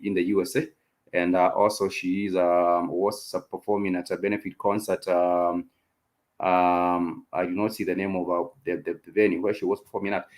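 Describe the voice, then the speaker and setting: A man with a Kenyan accent hosting an unscripted music talk show, speaking haltingly with many ums and repeated phrases. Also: on the low side. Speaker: radio show host.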